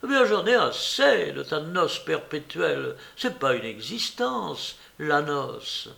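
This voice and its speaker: A man's voice: fairly high pitch, sing-song, slow pace, gravelly, bright, forceful tone, exaggerated voice. A man doing a stubborn scolding old aunt. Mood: exasperated. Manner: scolding, indignant questioning. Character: irritated elderly spinster aunt, stubborn, scolding. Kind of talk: audiobook character reading.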